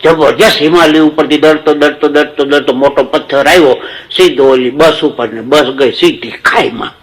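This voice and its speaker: Male stage comedian, folksy moralizing storyteller, slightly raised pitch. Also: moderate pace, poor audio. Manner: preachy storytelling with proverbs. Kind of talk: folksy stage joke-telling.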